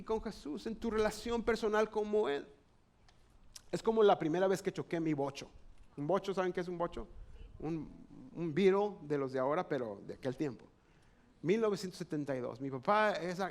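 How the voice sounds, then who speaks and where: A man's voice: high voice, a little mellow. A man with a Mexican accent preaching a sermon in a church auditorium, telling personal stories in an earnest, conversational way. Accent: Mexican Spanish. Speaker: pastor.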